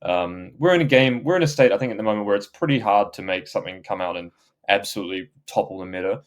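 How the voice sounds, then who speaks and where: Male co-host, low voice, rambling easygoing gaming chat full of "uh" and "like". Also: fast talker. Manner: rambling, many fillers and restarts, laughs easily. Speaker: podcast co-host.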